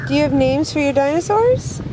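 High, coaxing woman on windy beach. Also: lively intonation, a little fast. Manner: gentle, coaxing, sing-song talk to a small child. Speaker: adult filming a child. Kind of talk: home video chat with a toddler. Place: sunny beach outdoors. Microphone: camcorder mic, speaking from behind the camera. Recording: wind noise on a home camcorder.

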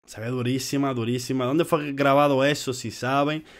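A man's voice: medium pitch, fairly even intonation, moderate pace. A man hosting a casual music reaction video, talking chatty and slangy straight to his viewers. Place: home in Orlando.

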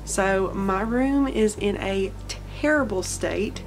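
A woman's voice: mid-range voice, slow pace, faint music behind. A young woman with a Southern US accent, chatting candidly and reassuringly to camera in her messy bedroom. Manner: candid, self-conscious and reassuring. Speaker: vlogger. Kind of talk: casual chat to camera. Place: cluttered bedroom indoors. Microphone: camera mic at close range.

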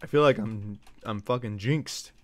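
A young man casually chatting and swearing while live-streaming a video game, griping about his runs and telling stories in an animated way. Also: on the low side, unhurried, dry recording. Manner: swears a lot, frustrated and animated storytelling.

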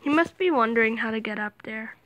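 A woman giving excited game commentary, dropping to whispers and jumping to shrieks. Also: fairly high pitch, fairly quick, background noise. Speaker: gaming video host.

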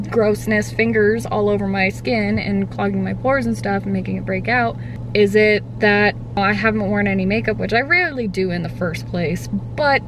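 A woman in her twenties, a little puffy-cheeked after wisdom teeth removal, chatting casually to camera in a halting, filler-heavy way that often trails off. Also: medium pitch. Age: 20s. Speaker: vlogger. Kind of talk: casual rambling vlog to camera. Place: inside a parked car. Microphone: camera or phone at arm's length on the dashboard. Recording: car interior with clear background hum.

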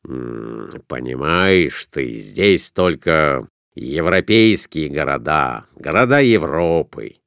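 A man voicing a patient middle-aged husband who explains things in a low tone. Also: animated, slow pace, gravelly, a bit bright, dry recording, studio quality, heavily acted.

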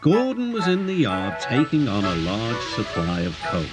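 A man narrating a children's story in a gentle storytelling manner, with music behind. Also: medium pitch, wildly swooping pitch, normal speed.

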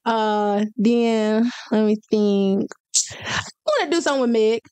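A woman's voice: a little high, darkish tone, smooth, no echo. Laid-back young woman in a dry studio. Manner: laid-back, drawn-out, laughs easily. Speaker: guest musician. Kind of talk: casual interview chat. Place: small home studio. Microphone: studio mic on boom arm.

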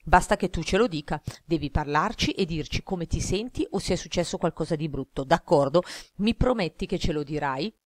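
Joking dad voice, low-ish, kind and earnest, a woman reads it. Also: expressive, brisk, no room sound, clean studio sound. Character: warm joking father of a boy.

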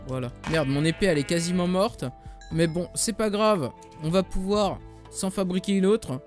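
A man's voice: high voice, normal speed, soft background music. A man with a French accent giving casual, slangy Let's Play commentary, talking straight to his viewers and swearing when things go wrong. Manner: excitable, slangy, swears, addresses viewers directly. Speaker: gaming YouTuber.

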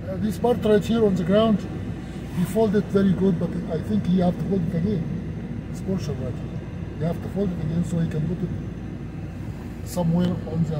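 A man filming from his truck cab, explaining flatbed tarping in a halting, explanatory way with many restarts. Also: sits high. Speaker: truck driver vlogger. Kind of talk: casual commentary while filming. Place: inside a truck cab in a yard. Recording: loud engine and yard noise.

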